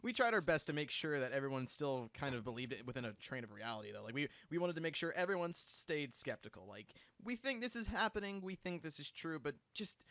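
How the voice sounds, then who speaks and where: Speaking fast with hardly any pauses, a young co-host with a voice on the high side tells eager stories during a casual livestream. He restarts often, and the audio has no echo.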